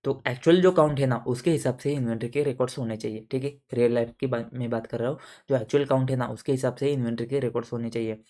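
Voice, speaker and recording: A man's voice: medium pitch, steady tone, rapid-fire, hardly any pauses, a little mellow. A man teaching an audit exam lecture in a casual, buddy-like way, repeating points and checking that students follow. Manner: casual, addresses students as buddies with everyday shop examples.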